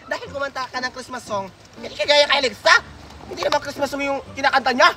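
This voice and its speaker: A performer voicing a loud, bossy woman who hands out Christmas gifts, shouting and scolding bluntly in a comedy skit, with music behind. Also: sits high, quick pace, over a noisy crowd, natural voice. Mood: mocking. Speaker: gift giver.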